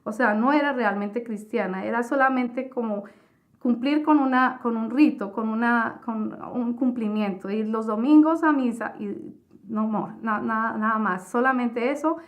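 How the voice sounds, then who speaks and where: Earnest woman giving halting testimony. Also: fairly high pitch, highs cut off. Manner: halting, many fillers and restarts. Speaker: testimony speaker.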